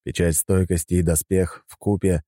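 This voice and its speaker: A man narrating an audiobook in the first person with animated storytelling. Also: deep voice, moderate pace, no echo, studio quality.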